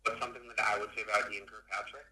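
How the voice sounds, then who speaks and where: Quick bright man on speakerphone. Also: on the low side, little pitch movement, rough recording. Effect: heard over a phone on speakerphone. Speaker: music manager called during the show. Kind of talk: casual phone chat.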